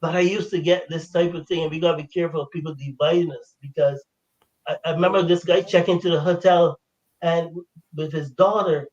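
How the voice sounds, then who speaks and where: A man from Barbados with a Barbadian accent, telling lively stories in a casual panel discussion. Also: on the high side, a little fast, highs cut off. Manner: animated storyteller, acts out quotes. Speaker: panel guest.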